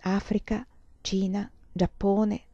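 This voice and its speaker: A woman reading a literary novel aloud in a measured, expressive way, letting sad phrases sink softly. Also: medium pitch, no echo, muffled recording. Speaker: audiobook reader. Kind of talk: literary audiobook narration.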